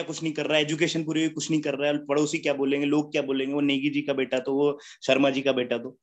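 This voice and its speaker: A man giving a motivational seminar talk at a business meeting, chatty and joking, who keeps asking rhetorical questions. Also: on the high side. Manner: rhetorical questions with a constant "है ना?" tag; chatty, joking, laughs at his own points.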